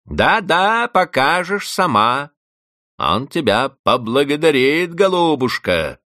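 A man's voice: low-pitched, huge pitch swings, measured pace, sharp tone, no echo, clean studio sound, heavily acted. A man voicing a spiteful, sarcastic middle-aged woman caretaker who scolds a child in a hissing, venomous tone.

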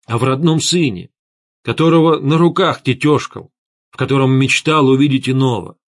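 A male audiobook reader voicing an old, scheming chief of light mages, speaking low, subdued and heavy. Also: unhurried, no echo, studio quality. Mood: heartfelt. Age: older. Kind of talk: audiobook character voice.

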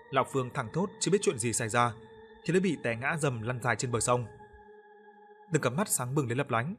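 A man in scripted ghost-story narration, measured and atmospheric. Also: medium pitch, fairly bright tone.

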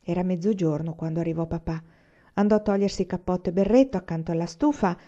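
A woman narrating a novel aloud in calm, even storytelling. Her voice is warm and mellow. The recording sounds slightly dull and lo-fi. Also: lowish voice, quick pace. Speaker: reader. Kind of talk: audiobook narration.

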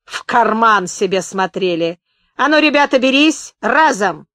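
A woman reading an audiobook, voicing a male bandit chief who shouts in a tearful, whining voice. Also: mid-range voice, fairly even intonation, unhurried, dry recording, natural voice. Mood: shouting, mocking. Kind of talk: audiobook character voice.

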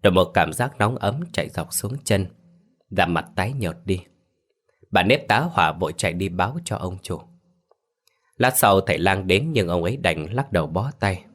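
Deep-voiced male storyteller. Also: expressive, moderate pace, a bit bright. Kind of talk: scripted horror story narration.

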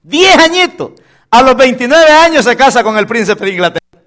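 Male pastor, very high pitch, highly animated delivery, emphatic call-and-response sermon. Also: fairly quick. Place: church pulpit.

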